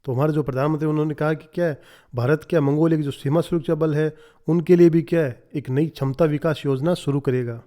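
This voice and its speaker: A man with an Indian accent teaching English by reading newspaper lines slowly and explaining each word quickly. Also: fairly high pitch, dark tone. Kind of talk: newspaper reading lesson with translation.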